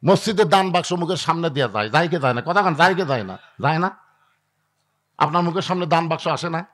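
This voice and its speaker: Lively high-pitched man preaching a sermon. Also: fast. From Bangladesh. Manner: dramatic storytelling, acting out dialogues, calling for audience responses. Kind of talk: Bengali waz sermon.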